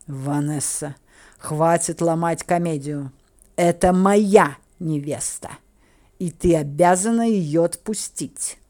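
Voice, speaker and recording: A woman voicing a jealous, dark-haired male count who growls his demands, in an audiobook read. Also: on the high side, fairly even intonation, takes it slowly, gravelly, few pauses, voice pushed down. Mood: demanding. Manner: growling, forceful.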